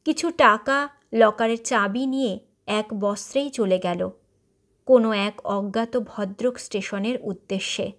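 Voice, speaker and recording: A woman storyteller reading a short story aloud in a measured, expressive narration. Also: medium pitch.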